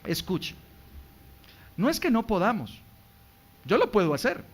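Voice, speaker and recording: High-voiced pastor preaching. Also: male voice, sing-song, a little slow. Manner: dynamic preaching, swings from quiet to loud; asks the congregation rhetorical questions. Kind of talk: sermon.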